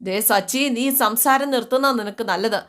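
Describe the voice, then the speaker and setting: An indignant young husband raising his voice in wounded pride, as a woman storyteller puts him on. It stays in her own slightly high register. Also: moderate pace, close to an everyday voice. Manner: shouting, indignant. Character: angry proud young husband.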